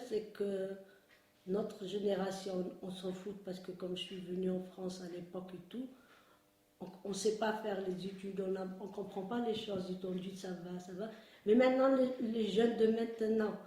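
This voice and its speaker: A woman's voice: mid-range voice, mellow. Blunt woman, very echoey. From Algeria. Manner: blunt, emphatic, repeats words. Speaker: interviewee, immigrant mother. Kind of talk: frank opinion in interview. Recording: very echoey room.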